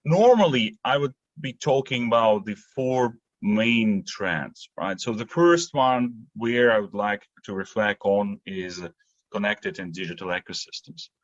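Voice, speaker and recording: A Latvian industry consultant appears as a podcast guest, giving explanatory interview answers. His voice is fairly low with lively intonation and an unhurried pace, and the audio is dull.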